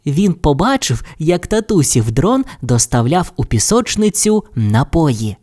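A woman narrating a children's audio fairy tale in an expressive storytelling manner. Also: deep voice, measured pace.

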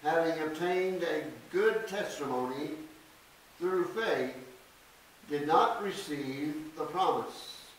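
Older pastor preaching slowly in an echoey church. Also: male voice, fairly high pitch. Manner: slow, deliberate scripture reading with emphatic stresses. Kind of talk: sermon. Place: small church sanctuary. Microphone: podium mic from a distance. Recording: echoey church, distant mic, faint hiss.

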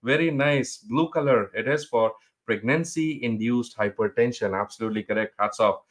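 A man's voice: medium pitch, normal speed. A middle-aged man with a North Indian accent, teaching a live online exam review in a mix of English and Hindi, encouraging students and often repeating his phrases.

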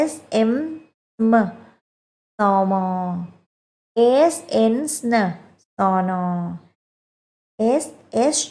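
A woman teaching a phonics lesson to children, slowly repeating each sound in drills with polite particles. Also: medium pitch.

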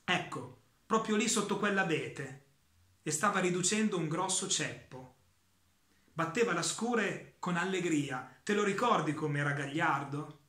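A man reading a short literary story aloud in a calm, measured way, with slow pauses. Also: a little high, roomy sound. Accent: Italian.

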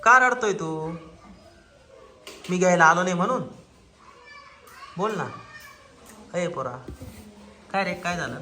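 With slight background noise, a man in a school classroom vlogs casually as he collects his child, his high voice animated, pushed and bright. He speaks a bit slowly with long pauses, coaxing and scolding through many short repeated questions.

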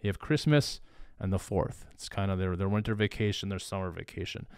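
A man with a northern Minnesotan accent leads a relaxed panel chat, passing questions to his colleagues. His voice sits low and comes across smooth and resonant. The sound is dry and close. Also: fairly quick, no echo. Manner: easygoing, steers the talk with questions to colleagues. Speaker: logistics panel moderator. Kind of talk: casual panel discussion.

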